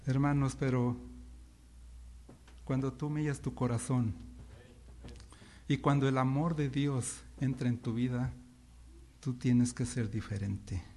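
A man's voice: medium pitch, steady tone, slow, pauses often, mellow, a little hiss or hum. A male pastor delivering an interactive sermon in a church over a microphone, leading the congregation in call-and-response.

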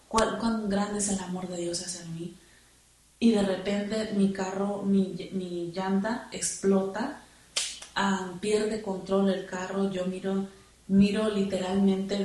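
A woman's voice: medium pitch, darkish tone. Woman giving testimony in an echoey hall. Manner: halting, repeats words while recalling. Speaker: church member giving testimony. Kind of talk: spoken testimony. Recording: echoey room, far from the mic, noisy.

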